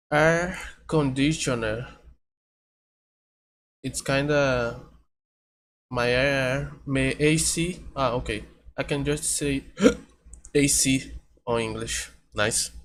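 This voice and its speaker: A slightly bright, mid-range voice belongs to a vtuber whose first language is Portuguese, chatting casually to his stream from a home room with air conditioner hum and slight background noise. He thinks aloud haltingly, restarting many times and correcting himself.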